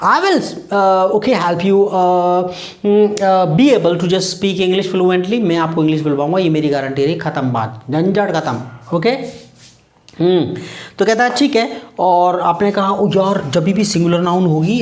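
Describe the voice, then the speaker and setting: A man's voice: high-pitched, reverberant. A man teaching English grammar in Hindi, mixing in English words and acting out little everyday scenes. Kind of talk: Hindi-language grammar lesson.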